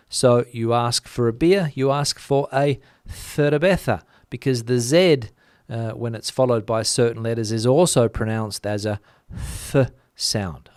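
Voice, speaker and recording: A man's voice: mid-range voice, no room sound. Chatty man with a dry, close sound. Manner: chatty, thinking aloud with many fillers. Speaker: host reading viewer comments. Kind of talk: casual commentary.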